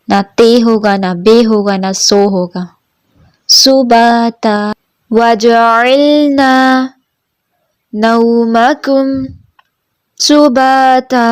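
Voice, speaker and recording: A woman teaching Quran pronunciation, reciting verses slowly and drawn out, then explaining quickly in between. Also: mid-range voice, a little mellow, dry recording, studio quality.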